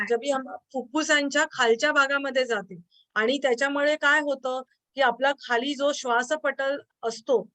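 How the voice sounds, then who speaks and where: A woman's voice: high-pitched, a bit bright, dry recording. A woman with a Marathi accent giving a yoga class lecture, explaining step by step with many fillers and questions to her students. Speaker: yoga teacher.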